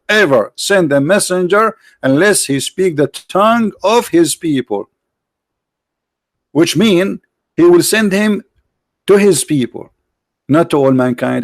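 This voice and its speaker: A man's voice: a little high, animated, a little slow, no room sound. Insistent man debating, English. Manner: insistent, argumentative, repeats points. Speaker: debate host. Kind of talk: call-in debate.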